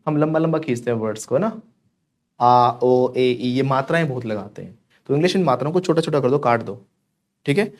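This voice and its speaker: A man's voice: mid-range voice, lively intonation, a little fast. A man with an Indian accent teaching a live spoken English class, joking playfully and repeating words over and over as drills.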